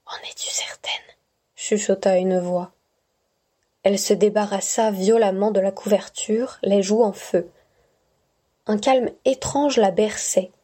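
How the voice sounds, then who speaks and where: Female narrator, mellow and warm, slow measured reading of fiction. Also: mid-range voice. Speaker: storyteller. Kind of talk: scripted narration.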